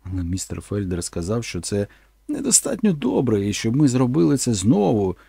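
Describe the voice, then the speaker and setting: A man narrates a first-person audiobook in a plain, earnest way. His voice is gravelly and husky with a dark tone, and his lively delivery sits in a dry, close recording. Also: mid-range voice, moderate pace, no room sound.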